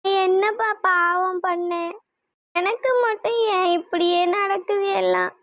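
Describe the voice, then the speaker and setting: A woman's voice: very high voice, steady tone, a little slow, a bit bright, no echo, lo-fi sound. A woman voicing a heartbroken young woman in a cartoon, talking in a tearful, pleading way.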